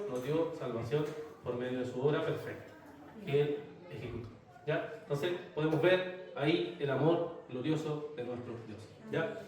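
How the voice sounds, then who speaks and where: A man teaching a church Sunday school class, explaining with everyday examples and checking in with his listeners. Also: high-pitched. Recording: echoey room, mic at a distance.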